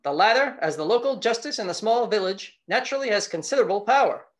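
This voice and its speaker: A man reading aloud in a put-on Mid-Atlantic radio voice from the 1920s, lofty and measured. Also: high voice, animated, a bit bright, pitched above the performer's own voice. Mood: grand.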